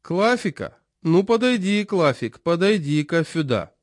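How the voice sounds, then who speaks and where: A man voicing a decrepit, senile old male chairman who lisps and mumbles slowly. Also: on the high side, sing-song, no echo, clean studio sound, pitched above the performer's own voice. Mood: mumbling. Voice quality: lisping, mumbling. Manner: slow, drawling.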